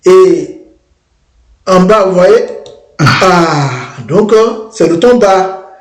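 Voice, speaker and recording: A man presenting a language-learning app in a screen-demo tutorial, talking haltingly and often restarting and repeating words. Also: high voice, a little mellow, roomy sound.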